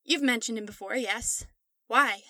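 A nervous young pregnant woman in a storybook reading presses for answers. Her bright, fairly high voice carries the worry, played by a woman narrator. The sound is dry and close. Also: measured pace, no room sound. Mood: anxious.

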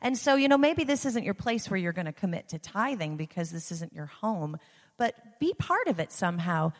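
A church speaker leads a giving appeal with an informal, conversational sermon, encouraging the gathering and repeating phrases for emphasis. Her medium-pitched, sing-song voice flows at a normal speed, filling a large room with reverberant hall sound.

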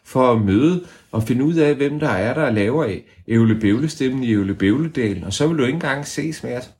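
A man's voice: mid-range voice, lively intonation, a little mellow, pitched above the performer's own voice, close to an everyday voice. Huffy indignant little frog , as a man puts him on. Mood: insistent. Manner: indignant and pleading.

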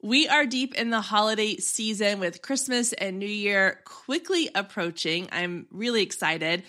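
A woman hosting a solo podcast in casual chat, congested and a little nasal from allergies, talking in quick run-on asides. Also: mid-range voice, expressive, bright, forceful tone. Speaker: podcast host and business coach.

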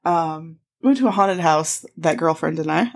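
A woman's voice: sits low, normal speed, gravelly. A woman co-hosting a podcast in casual chat, telling stories animatedly with frequent laughs and swearing. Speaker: podcast co-host.

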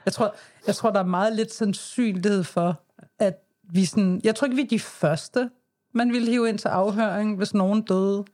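A woman's voice: medium pitch, fairly even intonation, a little mellow. Wry Danish woman chatting on a podcast. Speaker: podcast co-host. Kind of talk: casual chat.

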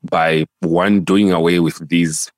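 A man from Africa co-hosting a casual discussion, explaining in a measured way with fillers. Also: low voice, steady tone, no echo.

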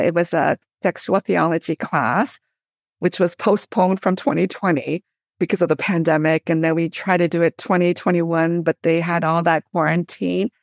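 A fairly low female voice comes through a dry, clean studio recording. The speaker, a middle-aged theologian and teacher born in Korea who immigrated in 1975, is an enthusiastic guest in a conversational podcast interview.

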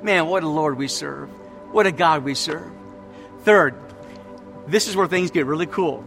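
A man's voice: a little high, unhurried, creaky, a bit bright, faint music behind. A man preaching a sermon, emphatic and repeating his key phrases as he tells stories. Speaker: pastor.

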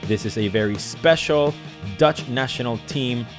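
A man's voice: mid-range voice, measured pace, over music. A man hosting a casual, unscripted solo fan podcast, speaking in an emotional and passionate way. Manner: emotional, feelings-led, passionate delivery. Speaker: podcast host.

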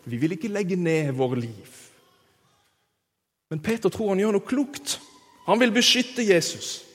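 Lively preacher. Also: male voice, high voice. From Kristiansand, southern Norway. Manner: lively, engaging, asks the audience questions. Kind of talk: storytelling sermon. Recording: reverberant hall.

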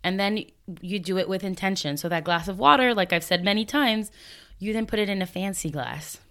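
A woman's voice: medium pitch, a little fast, a bit bright. A woman in her thirties hosting a solo podcast, talking in a chatty, reflective way and laughing now and then. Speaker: podcast host. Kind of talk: casual solo podcast talk.

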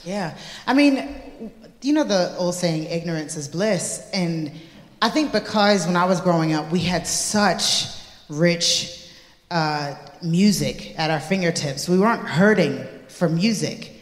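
A woman singer answering questions in a live on-stage interview, telling her story in an animated, reflective way. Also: on the low side, a little slow. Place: large hall before a live audience. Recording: echoey hall with long reverb.

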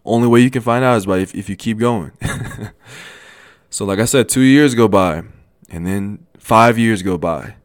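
A man in his twenties telling a motivational story in a casual, animated way, with many restarts and repeated phrases. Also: fairly low pitch, moderate pace, no room sound, studio quality. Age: 20s. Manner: animated, repetitive, lots of restarts. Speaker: motivational vlogger.

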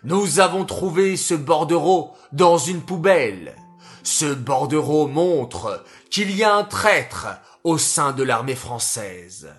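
A harsh, accusing army general bellows and gloats, as a man puts him on. The voice sits a little high and booms over soft music. This is a stern figure in a storybook told for children. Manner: loud, shouting, gloating accusations.

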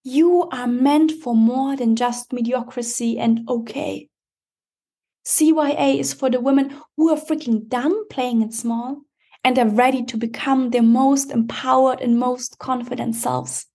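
High-pitched woman giving a motivational pep talk. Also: fairly even intonation, measured pace, dark tone, slightly rough. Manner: emphatic, encouraging pep talk addressed straight to the listener. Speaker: podcast host and empowerment coach. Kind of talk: motivational podcast monologue.

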